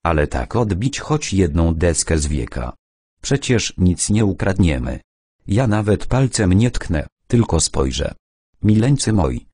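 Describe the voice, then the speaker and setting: A beautiful, emotional Ukrainian woman, read by a man in a low, deep register, pleading and tender. The audiobook sound is dry and close, with no room around it. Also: sing-song, a little slow, darkish tone, slightly rough, dry recording, heavily acted.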